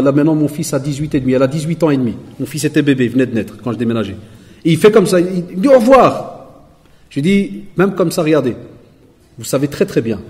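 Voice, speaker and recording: Recorded in an echoey hall, a Belgian man in his forties preaches to a live crowd, weaving in stories, voicing other people's lines, and trading jokes with listeners. He speaks a little high, with a darkish tone.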